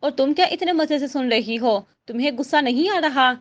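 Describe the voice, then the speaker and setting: A woman's voice: high-pitched, brisk, dull audio, natural voice. A woman voicing an angry, indignant widowed mother who scolds her daughter, in a storybook reading.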